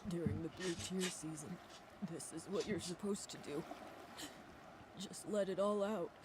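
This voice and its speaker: A man voicing a grieving young man in a video game who talks in a halting, tearful, soft way. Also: sits high, very noisy, natural voice. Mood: gentle. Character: grieving young man missing his grandmother. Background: game music.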